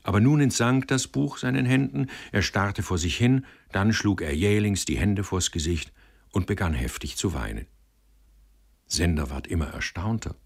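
A man's voice: sits low, gravelly, slightly rough. A man reading a story aloud as narrator, telling it expressively. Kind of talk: audiobook narration.

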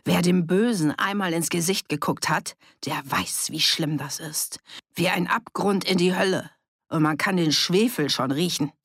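A reader voicing a boastful village man who stirs up a pub crowd, raised and loud. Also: fairly high pitch, moderate pace, breathy edge, no room sound, clean studio sound. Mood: agitated. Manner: loud, rabble-rousing, boastful. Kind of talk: audiobook character reading.

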